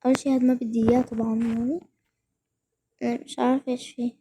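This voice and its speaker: A young woman, giving excited gameplay commentary and repeating words rapidly when thrilled. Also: a little high, a little hiss or hum. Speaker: gaming vlogger.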